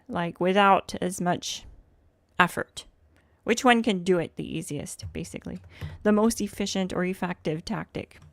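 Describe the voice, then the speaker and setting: Scratchy, creaky-voiced woman streamer. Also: medium pitch, no echo, clean studio sound. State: hoarse from swollen throat. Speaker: live streamer, host. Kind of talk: casual game livestream chat.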